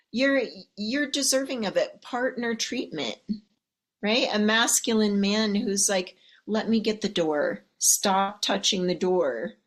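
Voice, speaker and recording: A woman coaching a live audience of women, chatty and sassy, calling them ladies and darling and acting out quoted voices. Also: mid-range voice. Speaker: love and mindset coach.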